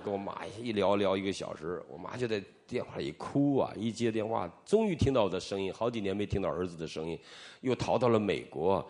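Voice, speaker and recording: A middle-aged man from Northeast China preaches, recounting his testimony and acting out the dialogue in lively storytelling. His voice is low-pitched and his pace brisk.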